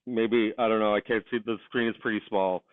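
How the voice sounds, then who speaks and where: A man who is a podcast guest, chatting casually and hesitantly with many pauses and restarts, over a remote call. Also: on the low side, steady tone, no echo. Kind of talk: casual chat. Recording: tinny phone-like line.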